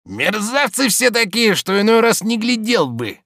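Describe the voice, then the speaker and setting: A man reading a story doing a stubborn, lazy old manservant who drags his words and grumbles at every request. Raised and lively in pitch, recorded dry and close. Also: a little slow, gravelly, no echo, full character voice. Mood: grumbling. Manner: sluggish, stubborn, muttering refusals.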